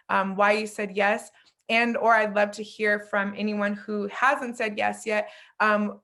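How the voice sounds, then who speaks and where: A woman's voice: mid-range voice, a bit bright. A woman coach hosting an orientation video call, talking in a chatty, loose and informal way. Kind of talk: casual video call talk.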